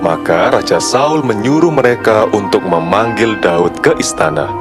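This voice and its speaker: A man's voice: lowish voice, animated, unhurried. A man reading a scripted Bible story for children as a storyteller. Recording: loud background music under narration.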